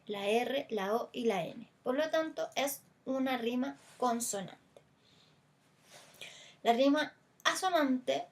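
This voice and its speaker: A Chilean woman teacher explaining a lesson, stretching stressed vowels to demonstrate them and talking things through with small fillers. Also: on the high side. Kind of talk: recorded language lesson.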